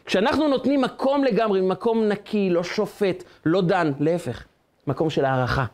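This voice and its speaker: A man's voice: sits high, a little mellow. A man, a rabbi giving a Torah lesson, who tells stories with animation and asks rhetorical questions.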